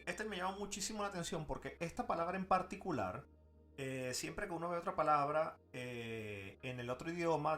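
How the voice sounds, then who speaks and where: A co-host in a casual podcast chat who asks questions eagerly and sometimes speaks fast. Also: medium pitch, fairly bright tone.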